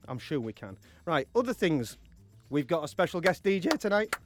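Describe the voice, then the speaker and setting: A man's voice: fairly high pitch, sing-song, moderate pace, loud music behind the voice. A man with an English accent hosting a live radio show, joking and chatting in casual banter with his co-host in the studio. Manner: joking, chatty, self-mocking.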